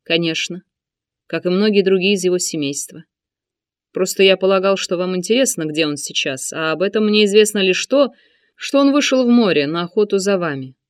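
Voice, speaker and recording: A woman reading an audiobook, voicing a captive male nobleman who answers calmly and defiantly. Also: lowish voice, brisk, no echo, studio quality, lightly acted. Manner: calm, cutting, defiant.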